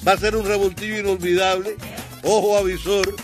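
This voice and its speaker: A man's voice: high-pitched, level tone, brisk. Exuberant Cuban man hosting radio. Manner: exuberant, theatrical, joking. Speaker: radio host. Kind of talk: playful morning radio banter. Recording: music bed under the voice.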